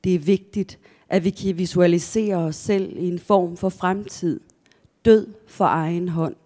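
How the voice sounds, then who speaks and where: A woman reads her own prose aloud with a fairly low voice. Her tone is mellow and dark rather than bright. The reading is measured and deliberate. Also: fairly even intonation.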